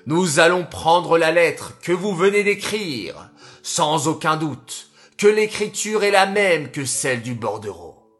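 A harsh, accusing army general bellows and gloats, as a man puts him on. The voice sits a little high and booms over soft music. This is a stern figure in a storybook told for children. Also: expressive, slow. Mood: angry. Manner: loud, shouting, gloating accusations.

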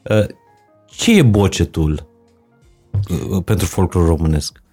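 Male podcast host, very low mellow voice, reflective interviewer with faint music behind. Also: breathy edge. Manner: reflective, searching for words. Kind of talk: interview conversation.

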